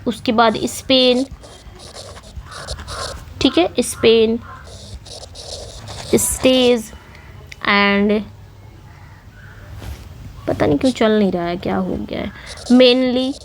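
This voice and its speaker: A woman, teaching an English exam-prep lesson in mixed with English terms, reading English questions slowly and asking and answering her own questions. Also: on the high side, slight background noise.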